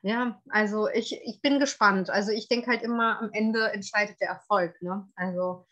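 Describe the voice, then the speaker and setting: A woman's voice: mid-range voice, steady tone, normal speed, a bit bright, dull audio. A woman co-hosting a podcast, reviewing a series in casual chat, chatty with many fillers. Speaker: podcast co-host.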